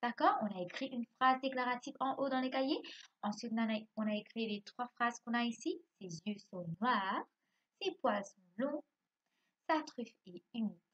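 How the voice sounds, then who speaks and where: A primary school teacher gives a recorded remote lesson to young children in a little high, fairly bright voice at a moderate pace. She asks questions and answers them herself, spelling words out letter by letter. The recording sounds dull and lo-fi.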